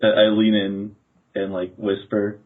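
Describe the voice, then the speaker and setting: A man playing a tabletop storytelling game, speaking in a slow, stammering way. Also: on the low side, monotone. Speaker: player. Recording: tinny phone-like podcast audio.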